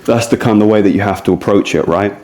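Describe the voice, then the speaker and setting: A fitness vlogger in his early thirties leads a core routine, chatting casually and discursively straight to the camera. His voice is fairly low and slightly mellow, and he talks quickly.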